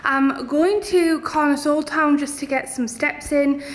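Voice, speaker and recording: A woman's voice: high-pitched, steady tone, unhurried. Chatty young woman vlogging at home. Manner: chatty, rambling with fillers. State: a little out of breath and tired. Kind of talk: casual vlog chat.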